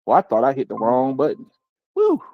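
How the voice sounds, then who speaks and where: A man's voice: mid-range voice, huge pitch swings, fairly quick, no room sound. Guy hosting a tech podcast, rambles and restarts a lot, dry slightly dull sound. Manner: rambling, restarts, laughs often. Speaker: podcast host. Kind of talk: casual tech podcast chat.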